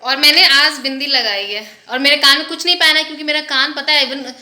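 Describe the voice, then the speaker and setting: A woman's voice: sits high, a little fast, bright, forceful tone. A young woman vlogging in a chatty, casual way, slipping English words into her talk. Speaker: family vlogger. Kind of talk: casual vlog narration.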